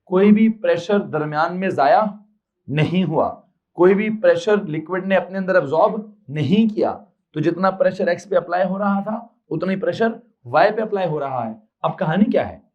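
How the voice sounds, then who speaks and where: A male physics teacher from Pakistan lectures a class in a slightly high voice. He dictates notes slowly, repeats each phrase and keeps quizzing his students, switching between Urdu and English terms. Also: animated, darkish tone, highs cut off.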